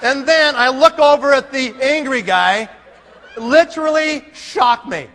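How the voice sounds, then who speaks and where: A man telling a comic story to a live audience, animated and laughing as he acts out scenes. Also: extremely high pitch, unhurried. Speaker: speaker. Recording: long hall reverb, faint room noise.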